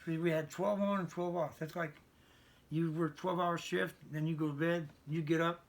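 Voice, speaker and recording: An American Navy veteran in his seventies, being interviewed, reminisces about his service in a rambling, folksy way, stammering and repeating himself. His voice is a little high, with fairly even intonation and a normal speaking speed.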